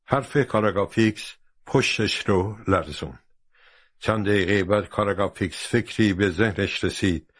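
A man narrating a storybook in a steady, measured way. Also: on the low side, slightly rough, no echo.

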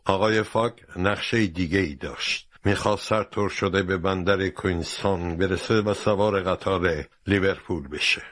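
Deep-voiced man narrating a storybook. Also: hardly any pauses, fairly bright tone.

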